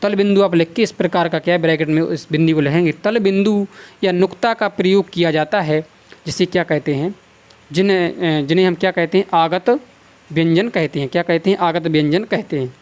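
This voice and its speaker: A male teacher giving a Hindi grammar lesson with a North Indian accent. He asks the class questions, answers them himself and repeats each sound slowly for drill. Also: high voice, a little mellow. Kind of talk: classroom lecture.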